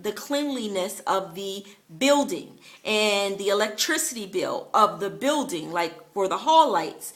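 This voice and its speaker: Woman vlogging a story, chatty w lots of uhs, kinda high bright voice. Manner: chatty, many fillers, laughs while telling. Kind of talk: casual storytelling to camera.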